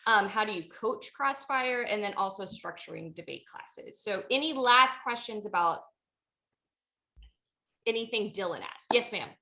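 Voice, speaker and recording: Bright upbeat woman moderator. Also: medium pitch, animated, unhurried. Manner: upbeat, candid, self-mocking. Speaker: workshop moderator. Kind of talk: moderating a workshop.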